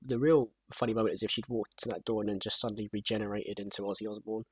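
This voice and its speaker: A young man chatting casually with a friend while gaming, with a husky voice and dry, rambling humor. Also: lowish voice, steady tone, fast talker, dry recording. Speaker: co-host.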